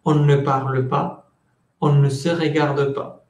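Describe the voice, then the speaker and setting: A man teaching a French class in Spanish, slowly repeating words and switching between languages while calling on students by name. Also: a little high, flat delivery, darkish tone, roomy sound, highs cut off. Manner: slow, patient, repeats words to drill pronunciation.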